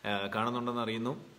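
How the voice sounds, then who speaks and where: A young man on a live stream, reading fan comments aloud and answering them in a relaxed, chatty way with many fillers, from his home. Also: medium pitch, slight background noise. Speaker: serial actor answering fan questions.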